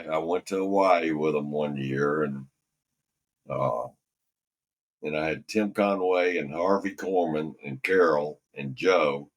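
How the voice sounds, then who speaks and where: An older man from Alabama, a former golfer telling rambling, folksy stories as a podcast guest. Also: rumbling low. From Alabama, USA. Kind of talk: anecdotal storytelling.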